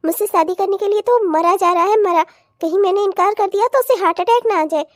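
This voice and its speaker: A woman's voice: extremely high pitch, fairly quick, dry recording, clean studio sound. A woman voicing a troubled young bride in a cartoon, speaking with anguish. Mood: worried. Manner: emotional, anguished. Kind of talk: cartoon voice acting.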